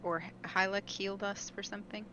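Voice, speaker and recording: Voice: medium pitch, little pitch movement, a little fast, bright, forceful tone, highs cut off. A tabletop game player on a wireless headset whose voice comes through garbled and underwater-sounding, flustered and repeating words. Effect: garbled, underwater-sounding headset audio. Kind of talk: casual chat. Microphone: wireless headset over a call. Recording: noisy, garbled headset connection.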